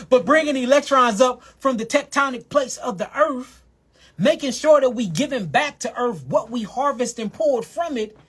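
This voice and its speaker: Husky man preaching health, emphatic. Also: a bit bright. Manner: emphatic, repetitive, drawls key phrases slowly, asides in a low mutter. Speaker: herbal health speaker.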